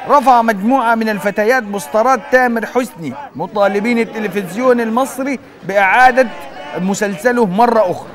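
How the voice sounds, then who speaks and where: An Egyptian field reporter delivering breaking news with mock-serious formality. His voice is very high and quick, loud and earnest, with a noisy crowd all around him. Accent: Egyptian Arabic. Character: earnest TV correspondent giving breaking live reports from crowded squares. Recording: loud crowd noise behind.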